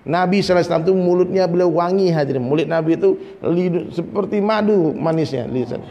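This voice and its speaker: Joking, mimicking others, and often speaking straight to his listeners, a man from Minangkabau, West Sumatra, delivers a conversational dawn sermon. He talks quickly in a high voice, and the recording cuts off the highs, with faint noise and long hall reverb.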